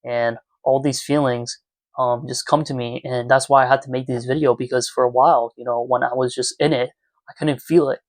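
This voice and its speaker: The speaker is a twenty-year-old YouTuber sharing earnest, reflective thoughts in a casual confessional vlog from a small room indoors at home. His mid-range voice moves little in pitch and is brisk, with no room sound.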